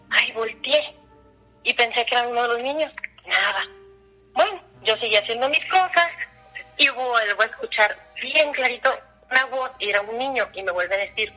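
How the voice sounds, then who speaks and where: A woman's voice: fairly high pitch, poor audio. A middle-aged woman with a Mexican accent, casually telling a personal ghost story and acting out the dialogue. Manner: animated, acts out dialogue in her telling. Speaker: guest storyteller.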